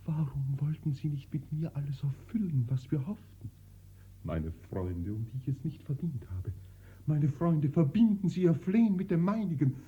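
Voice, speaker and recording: An impassioned, husky young nobleman. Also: medium pitch, normal speed. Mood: pleading. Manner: fervent, drops to pleading whispers. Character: impassioned young male nobleman begging forgiveness. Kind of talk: 1940s radio acting. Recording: dull lo-fi 1940s radio recording.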